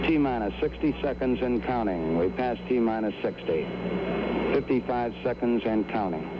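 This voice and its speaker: A man's voice: mid-range voice, dull audio. Man announcing launch countdown, very noisy broadcast. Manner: measured, official announcing.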